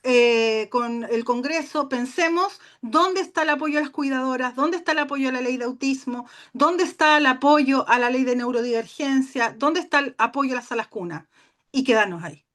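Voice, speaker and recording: Passionate woman, high and shrill. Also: normal speed, fairly bright tone. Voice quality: shrill when tired. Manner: passionate, emphatic, with fillers. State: tired. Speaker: guest speaker. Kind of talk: webinar talk.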